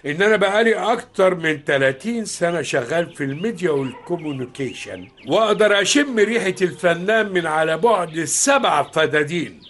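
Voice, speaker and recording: Fussy excitable dad, high-ish and bouncy. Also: male voice, fairly quick, hardly any pauses. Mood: boastful. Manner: pompous, excitable, animated. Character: pompous city media veteran father, older man. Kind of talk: TV comedy drama acting.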